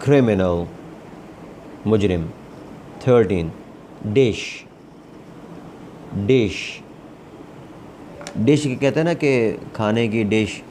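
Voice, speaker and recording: A man's voice: lowish voice, mellow, a little hiss or hum. A man teaching English vocabulary, repeating each word several times before giving its meaning. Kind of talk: vocabulary lesson with repetition drills.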